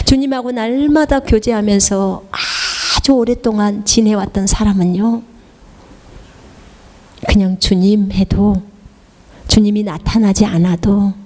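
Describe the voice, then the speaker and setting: A woman missionary preaching a sermon, pressing the listener with rhetorical questions and dropping now and then into hushed whispered asides. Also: mid-range voice, in a large hall. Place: church hall.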